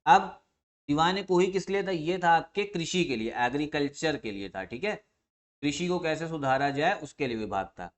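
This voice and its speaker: Guy with a fairly high voice running through exam revision, keeps asking then answering himself, clears throat a lot. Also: expressive, moderate pace. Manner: quizzing himself with questions then answering, repeating key terms; mixes English terms into his speech and clears his throat often. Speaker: teacher.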